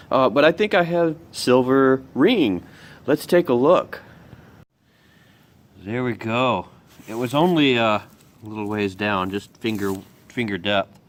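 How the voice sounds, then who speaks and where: A man vlogging his metal detecting finds, chatting casually and thinking aloud as he digs outdoors in a muddy field. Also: mid-range voice. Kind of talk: casual outdoor narration while digging.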